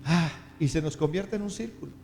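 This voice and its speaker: Pastor guy preaching, highish voice, big church echo, music under it. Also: expressive, measured pace. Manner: repetitive preaching with rising emotional questions. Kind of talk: sermon. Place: church hall. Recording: long church reverb with music behind.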